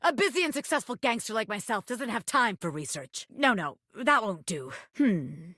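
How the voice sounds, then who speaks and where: A woman playing a cocky, excitable bobby pin gangster in a video game, talking in swaggering wiseguy slang. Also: fairly high pitch, normal speed, no echo, clean studio sound. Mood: defensive swagger. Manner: brash wiseguy slang, swaggering, calls people baby. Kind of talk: video game character acting.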